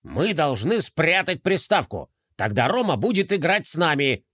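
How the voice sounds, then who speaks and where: A man's voice: on the high side, big pitch swings, moderate pace, a bit bright, husky, no echo, clean studio sound, exaggerated voice. A man voicing a pompous, bossy toy rabbit general who barks orders. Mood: commanding. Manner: barking, commanding, scoffing.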